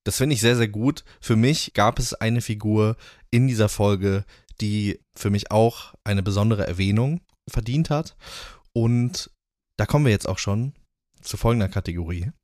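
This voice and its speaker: A man co-hosting a podcast in casual chat, rambling and getting animated when he quotes people. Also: on the low side, measured pace, dry recording, clean studio sound. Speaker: podcast co-host.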